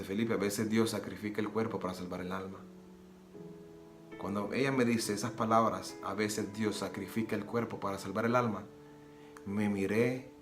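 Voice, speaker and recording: A man giving an earnest personal religious testimony, repeating phrases and acting out the dialogue as he retells it. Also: on the low side. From Nicaragua. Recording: roomy echo with soft guitar music.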